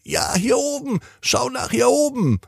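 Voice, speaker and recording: A bright, tiny toddler boy calls out happily from far away in a storybook, his voice pitched way up high. The voice stays gravelly and husky underneath. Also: sing-song, unhurried, dry recording, clean studio sound, exaggerated voice. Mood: calling cheerfully. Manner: high calling voice. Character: small boy, toddler brother, cheerful.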